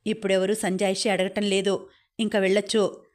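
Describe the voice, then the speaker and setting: Audiobook: tearful, harsh middle-aged mother, read by a woman narrator; keep it flat. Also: medium pitch, normal speed, close to an everyday voice.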